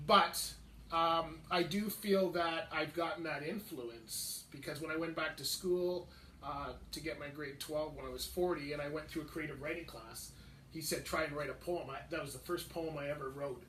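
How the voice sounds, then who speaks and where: A man's voice: on the high side, normal speed, sharp tone, distant mic. Chatty Canadian man in his fifties, echoey. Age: 50s. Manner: laughs often, rambling and self-deprecating. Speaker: podcast host being interviewed. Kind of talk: casual interview chat. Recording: echoey room, off mic, faint noise.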